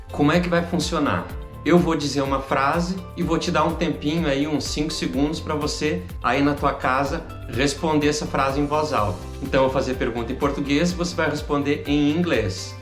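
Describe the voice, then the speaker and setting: A man from Brazil teaching an online language lesson, clearly and patiently, repeating example phrases slowly. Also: mid-range voice, echoey room. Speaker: English teacher.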